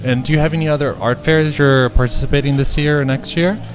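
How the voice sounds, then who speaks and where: A man's voice: a little high, fairly even intonation. A man from Brazil hosting a casual podcast interview at an art fair, upbeat and encouraging. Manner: upbeat, encouraging, quick questions. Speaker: podcast host.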